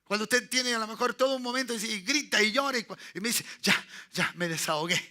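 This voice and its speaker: A man, pastor of a church, preaching a sermon and checking in with his congregation through short tag questions, often repeating and restarting phrases and rising into loud bursts of praise. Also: extremely high pitch, fast. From Chile.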